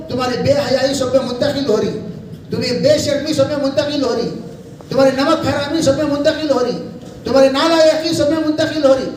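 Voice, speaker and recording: A man preaching a sermon to women as a mufti, admonishing and repeating his points. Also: extremely high pitch. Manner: repetitive, admonishing exhortation. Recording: very echoey hall from a distance, faint noise.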